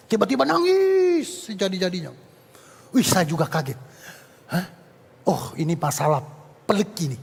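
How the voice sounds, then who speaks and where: A man's voice: high voice, gravelly, breathy edge. A man preaching a sermon, animatedly telling stories and acting out conversations to the congregation. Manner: animated storytelling, acting out dialogue, addressing congregation. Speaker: evangelist preacher. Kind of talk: sermon with acted anecdotes. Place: church. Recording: echoey church hall.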